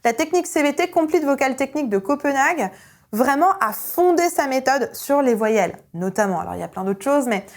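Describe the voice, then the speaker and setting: A young adult woman teaching an online singing lesson as a vocal coach, energetic and emphatic. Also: high-pitched. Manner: energetic and emphatic, with sung vowel demonstrations.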